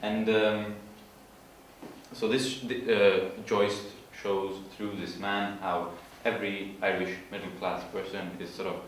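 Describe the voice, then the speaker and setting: A man giving an informal literature presentation, explaining in a halting way and searching for his words. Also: lowish voice, little pitch movement. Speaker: student presenter. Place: large room at an evening school event. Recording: echoey hall from far off, faint noise.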